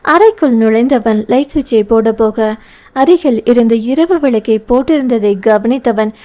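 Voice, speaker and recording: A woman with a Tamil accent narrates a novel as an audiobook reader. Her voice sits a little high but has a dark, mellow colour. She reads narration and dialogue in much the same voice. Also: a little slow. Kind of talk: novel reading with character dialogue.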